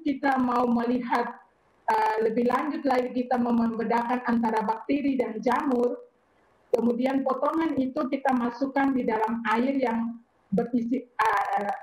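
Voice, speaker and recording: A woman plant protection expert explaining in a measured way, often pausing with fillers. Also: fairly high pitch, darkish tone, reverberant, low-quality recording. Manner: measured, with frequent hesitation fillers.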